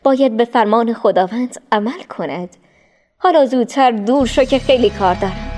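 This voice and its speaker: A composed, faithful mother from a storybook, read by a woman in an even, unhurried voice close to plain narration. She answers with quiet assurance. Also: fairly high pitch, soft background music, close to an everyday voice. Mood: calm. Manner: calm, composed. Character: calm faithful mother, unshaken. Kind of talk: storybook reading.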